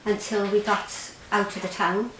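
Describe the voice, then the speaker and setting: An Irish woman being interviewed recounts what happened to her in personal testimony, pausing and repeating words as she goes. Her medium-pitched, slightly bright voice is flat in delivery at a normal speed, heard in an echoey room with a faint hiss behind it.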